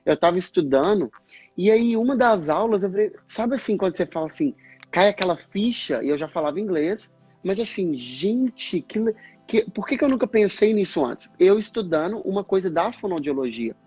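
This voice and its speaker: A man, a speech therapist, explaining pronunciation in a casual live chat, in halting bursts. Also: high voice, expressive, darkish tone, slightly rough. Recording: dull lo-fi stream audio, faint music.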